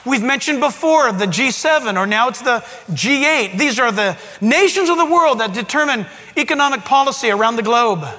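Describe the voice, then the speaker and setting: A male pastor preaching with a very high, lively voice that swings up and down as he gets excited. His delivery is emphatic and full of rhetorical questions. The sound is bright and ringing, carried on a long hall reverb. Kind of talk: sermon.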